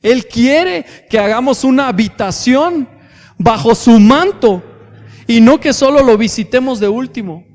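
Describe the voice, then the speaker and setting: A man's voice: extremely high pitch, expressive, measured pace, darkish tone. Mexican preacher guy, calls everyone brothers, lots of uh and restarts, echoey church. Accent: Mexican Spanish. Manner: addresses congregation as brothers, asks rhetorical questions; hesitant fillers and restarts. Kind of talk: sermon. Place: church hall.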